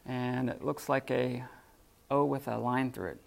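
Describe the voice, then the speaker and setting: A man teaching a classroom lesson off the cuff, halting with many fillers and restarts. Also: medium pitch, little pitch movement, vocal fry. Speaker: Greek teacher.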